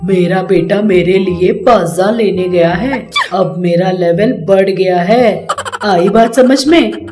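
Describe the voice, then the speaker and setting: A woman's voice: medium pitch, takes it slowly, dark tone, soft background music, natural voice. Woman doing Rangamma, a haughty rich mother. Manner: bossy and scornful, later tearful. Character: proud rich older village mother, boastful.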